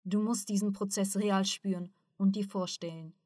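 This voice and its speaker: Woman reading a calm, learned male teacher. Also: medium pitch, moderate pace, no room sound, clean studio sound, lightly acted. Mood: explaining. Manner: calm, explanatory lecturing.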